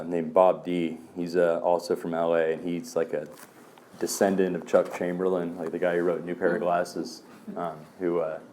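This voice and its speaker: A man's voice: deep voice, a little mellow, a little hiss or hum. A man speaking at a recovery meeting, telling stories in a loose, casual way, with lots of "um" and "man". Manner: loose storyteller, fillers like "man" and "um". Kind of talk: casual personal talk.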